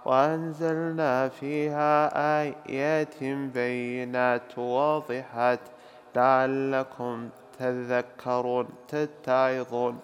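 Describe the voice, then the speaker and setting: A man formally reading a classical commentary aloud in a slow, careful recitation for his teacher. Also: mid-range voice, level tone, smooth, big-room sound.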